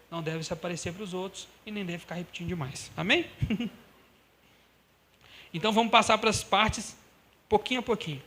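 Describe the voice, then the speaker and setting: Young male preacher, casual conversational sermon, bright high voice, light background noise. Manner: conversational, addresses the congregation directly. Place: church.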